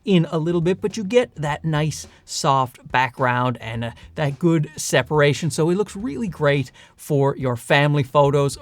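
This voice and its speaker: A man with a fairly high, leprechaun-like voice talks through a gear review. He is chatty and enthusiastic, slipping in dry jokes at his own expense. The sound is close and dry. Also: dry recording. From Newfoundland, Canada. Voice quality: light, leprechaun-like voice. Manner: chatty, enthusiastic, with dry self-deprecating asides. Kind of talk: casual product review to camera.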